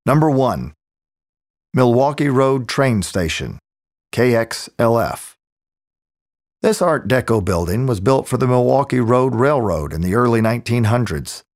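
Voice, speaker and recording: A man narrating a scripted audio tour in the smooth, measured, clearly articulated manner of a museum guide. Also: mid-range voice, animated. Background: background music.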